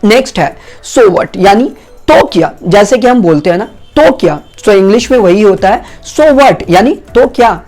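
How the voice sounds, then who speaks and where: A woman teaching short English phrases, repeating each one slowly with its meaning. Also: mid-range voice, animated, darkish tone, soft background music. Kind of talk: spoken English lesson.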